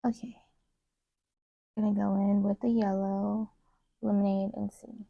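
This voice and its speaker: Soft-spoken rambling woman vlogger, gravelly. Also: medium pitch, little pitch movement, measured pace, dry recording, lo-fi sound. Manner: rambling, many fillers, trails off softly. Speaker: beauty vlogger. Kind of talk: casual get-ready-with-me chat.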